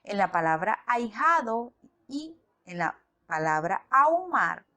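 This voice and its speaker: A woman teaching a grammar lesson, explaining slowly and deliberately and spelling out examples one by one. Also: medium pitch, big pitch swings, sharp tone. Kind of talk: educational lesson narration.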